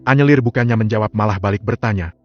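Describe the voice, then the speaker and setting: A man reading a dramatic story aloud in a steady, solemn narrating voice. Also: lowish voice, fast talker. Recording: slightly dull lo-fi audio. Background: faint music.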